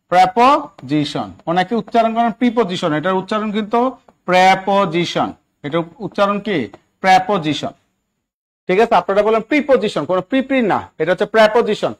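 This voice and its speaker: A man with a Bangladeshi Bengali accent teaching English grammar in a live online exam-prep class, coaxing students and checking again and again that they understand. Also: high voice. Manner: coaxing, repeats questions and checks understanding often.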